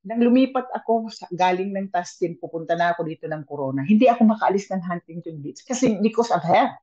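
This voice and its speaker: A woman's voice: fairly low pitch, expressive, a little fast, dark tone, dull audio. A woman sharing a personal church testimony as a radio guest, telling it animatedly and mixing Tagalog and English. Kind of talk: casual testimony.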